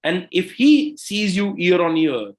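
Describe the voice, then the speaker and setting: A man from India, a company CEO, talking through business stories in an interview, with quick bursts and frequent "right?" and "you know". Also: sits high, very animated. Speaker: co-founder and CEO, podcast guest. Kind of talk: conversational interview storytelling.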